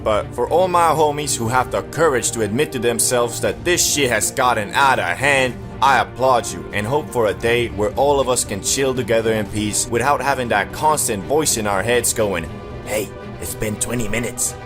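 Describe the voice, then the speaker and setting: A man's voice: mid-range voice, normal speed, few pauses, over music. A man narrating as a YouTuber in a comedic storytelling style, with casual, slangy, joking delivery.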